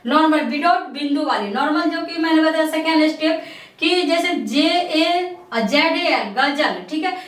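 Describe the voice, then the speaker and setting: Woman tutor, high voice, patient and repetitive, drills each word slowly; roomy echo, mic set back. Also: fairly bright tone, far from the mic. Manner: repetitive, explains step by step, drills words aloud. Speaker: English pronunciation teacher. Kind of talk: casual online lesson.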